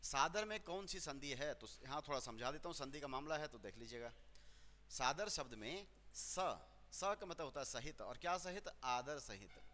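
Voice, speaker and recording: A man's voice: fairly high pitch, lively intonation, moderate pace, sharp tone. A male teacher working through exam questions step by step, repeating words and correcting himself aloud. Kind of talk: exam solution lesson. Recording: hall reverb.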